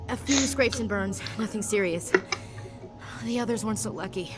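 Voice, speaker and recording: A woman's voice: mid-range voice, moderate pace, loud music behind the voice, natural voice. An actress playing a tough but shaken young female soldier in a video game, reporting in clipped military fashion over a score. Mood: grim.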